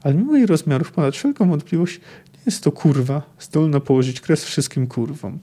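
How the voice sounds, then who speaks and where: A man's voice: fairly high pitch, big pitch swings, normal speed, mellow, slightly rough. A man reading aloud the words of a grave, blunt male dwarf who speaks very seriously. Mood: grave dry.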